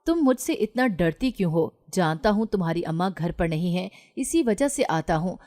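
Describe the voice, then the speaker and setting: A woman's voice: fairly low pitch, lively intonation, mellow, natural voice. A woman narrator voicing a pushy, menacing young man in a storybook reading, with little change from her own voice. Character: pushy threatening young man, unwanted visitor. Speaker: intruder in a read-aloud story.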